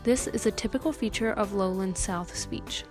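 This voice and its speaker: A young woman, a student, reading a clear, explanatory narration for a class presentation. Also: mid-range voice, normal speed, music in the background. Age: young adult.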